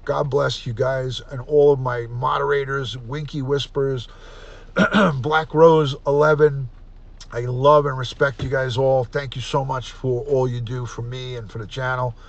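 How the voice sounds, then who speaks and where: Gravelly-voiced New man in his fifties. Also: medium pitch, flat delivery, unhurried. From United States. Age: 50s. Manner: chatty, reads out viewer names and thanks them. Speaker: live stream host. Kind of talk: casual live stream sign-off.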